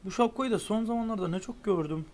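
Excitable young man narrating gameplay. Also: high-pitched, quick pace. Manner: excitable, exclaims at near misses. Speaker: gaming YouTuber. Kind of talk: casual gameplay commentary.

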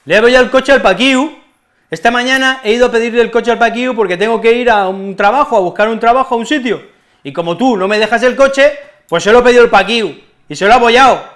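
A man's voice: very high voice, fast, a bit bright, pitched above the performer's own voice. A man from Spain playing a young Spanish man who has dented a friend's car and talks in rambling, slangy bursts. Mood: sheepish.

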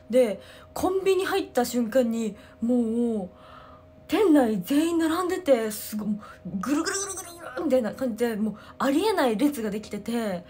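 A woman, chatting casually on a livestream, telling stories excitedly with sound words. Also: on the high side. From Ehime, Japan. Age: 20s. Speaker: idol livestreamer. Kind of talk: casual livestream chat answering comments.

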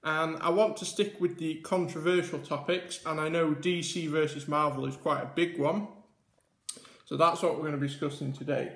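A man's voice: on the high side, steady tone, normal speed, a bit bright, echoey room. A man hosting a casual mukbang vlog, chatting and rambling with many ums as he eats at a table. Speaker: YouTube host. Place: indoor room at a table. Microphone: camera mic with face cam and top camera.

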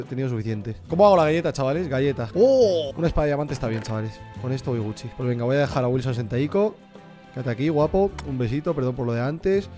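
A young man from Spain with a Spanish accent, commentating a live game stream, excitable and swearing, shrieking when scared and cooing at his in-game pets. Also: medium pitch. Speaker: gaming streamer.

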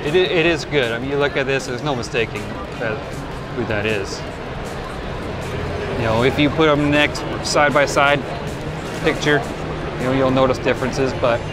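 Walking the indoor show floor of a busy convention hall, a man who hosts collectibles videos gives casual booth-tour commentary with mild opinions. He speaks at medium pitch and moderate pace with long pauses, while loud music plays behind him.

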